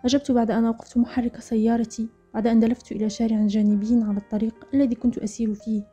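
A woman narrating a story in a brisk, earnest storytelling manner. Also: a little high, flat delivery, warm tone, slightly rough. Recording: dull lo-fi audio with faint music. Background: faint music.

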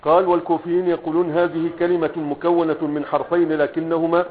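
A man's voice: on the high side, little pitch movement, fast. Egyptian male teacher, tinny phone-like sound. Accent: Egyptian Arabic. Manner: repeats "tamam?" to check understanding, asks and answers his own questions. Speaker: Arabic grammar teacher. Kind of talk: classroom lecture.

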